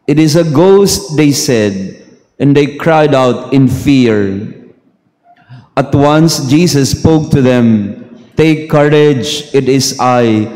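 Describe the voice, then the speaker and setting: A man, a priest reading the gospel and preaching in a measured way, heard with a long cathedral-like echo. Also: mid-range voice, dark tone. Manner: slow measured reading, then easygoing mixing of English and Tagalog. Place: large church. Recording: long church reverb.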